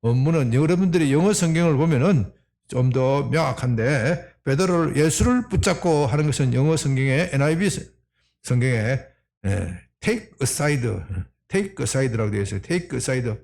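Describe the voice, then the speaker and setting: A man's voice: mid-range voice, animated, normal speed, gravelly, darkish tone. A male senior pastor preaching a Sunday sermon, asking the congregation rhetorical questions.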